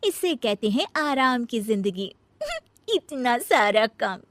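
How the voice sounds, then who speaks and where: Woman acting a bright, high-pitched, whiny young daughter-in-law. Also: big pitch swings, takes it slowly, no echo, heavily acted. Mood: smug. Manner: whiny, sarcastic, defiant. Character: lazy, cunning, jealous younger daughter-in-law. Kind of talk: acted Hindi family comedy story.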